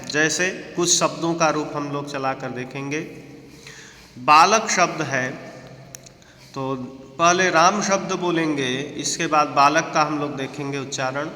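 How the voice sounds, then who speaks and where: A man with a Hindi accent, teaching a Sanskrit lesson to students and reciting word forms slowly and deliberately. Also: on the high side, steady tone, pushed and bright. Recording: echoey room with long reverb.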